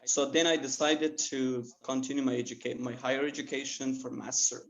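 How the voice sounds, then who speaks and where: A man's voice: mid-range voice, level tone, brisk, vocal fry. A young man from Afghanistan, a former journalist and master's student, speaking earnestly as a guest on an online panel. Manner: earnest, hesitant with frequent ums. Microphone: webcam video call. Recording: muffled video-call audio.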